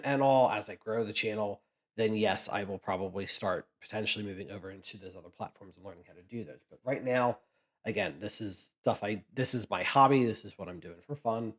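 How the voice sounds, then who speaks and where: A man casually chatting as he sorts trading cards for his channel, rambling with frequent restarts. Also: lowish voice. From Pennsylvania, US. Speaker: card collecting vlogger. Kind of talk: casual chat while sorting cards.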